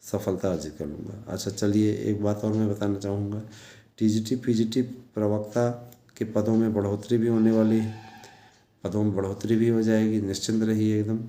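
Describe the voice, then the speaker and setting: A man's voice: fairly low pitch, little pitch movement, normal speed, mellow. A man talking informally to his followers as a teacher and presenter, exhorting them repetitively with frequent check-in tags. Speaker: teacher and online news presenter. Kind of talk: informal monologue addressed to followers. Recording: echoey room sound.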